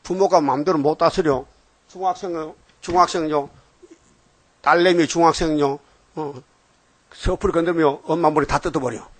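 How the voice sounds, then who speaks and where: A man's voice: fairly high pitch, fairly even intonation, normal speed, long pauses, dry recording. An older man giving an informal, rambling sermon, often checking on listeners with short questions. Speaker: preacher.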